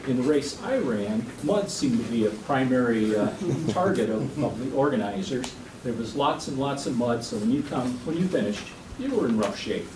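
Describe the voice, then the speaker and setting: Male podium speaker, mid-pitched, informal and wryly humorous, echoey noisy room recording. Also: expressive, normal speed. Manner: informal, self-deprecating humour. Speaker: club member giving a prepared speech. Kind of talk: podium speech to an audience. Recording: echoey room, distant mic, clear background noise.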